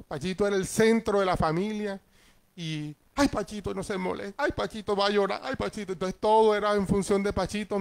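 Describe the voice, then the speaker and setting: A man's voice: high voice, clean tone. A middle-aged man, a pastor teaching Sunday school in a conversational way and checking in with his listeners. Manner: acts out family voices in passing.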